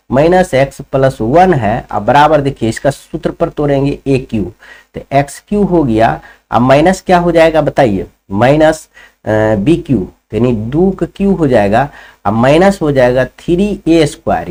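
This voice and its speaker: A man's voice: medium pitch, animated, measured pace, darkish tone. A man teaching a school math lesson, explaining each step and often putting questions to his students. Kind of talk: classroom lesson.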